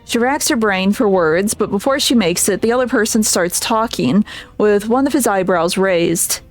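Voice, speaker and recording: A woman's voice: medium pitch, normal speed, soft background music. A woman streamer reading game text aloud on stream, casual and giggly, tripping over words now and then.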